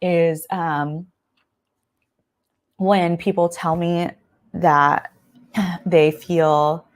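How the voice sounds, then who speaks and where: A woman's voice: on the low side, steady tone, very slow. A young woman who is a family doctor, talking earnestly and emotionally in a casual vlog, choked up at times, with many fillers. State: choked up, near tears.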